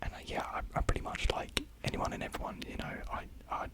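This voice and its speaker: Answering viewer comments in a laid-back ASMR chat, a young adult speaks in a soft, breathy whisper close to the mic. They're a fast talker, tentative and rambling, and quick to poke fun at themselves.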